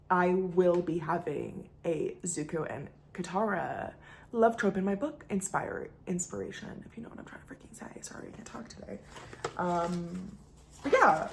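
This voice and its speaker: A young woman chats at home, rambling and teasing herself, and sometimes drops to a whisper. Her voice sits a bit low, with a gravelly fry through it. A faint hiss of noise sits under the recording. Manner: rambling, self-mocking, trails into whispers. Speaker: vlogger. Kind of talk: casual chat. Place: indoors at home.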